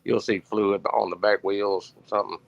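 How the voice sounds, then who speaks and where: A man chatting casually with a gravelly creak, recorded on a dull lo-fi microphone. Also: lowish voice, flat delivery, normal speed. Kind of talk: casual chat. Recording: dull lo-fi mic, dry.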